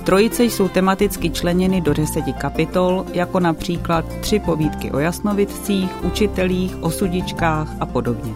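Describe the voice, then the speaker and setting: Presenter voice, measured and informative, clear music bed behind. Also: mid-range voice. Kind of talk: audiobook review segment.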